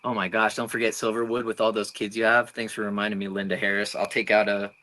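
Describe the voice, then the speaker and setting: A man's voice: fairly low pitch, flat delivery, quick pace, bright, forceful tone, rough recording. A man in his twenties co-hosting a casual livestream, reading out viewer comments in a chatty way. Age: 20s. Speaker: livestream co-host.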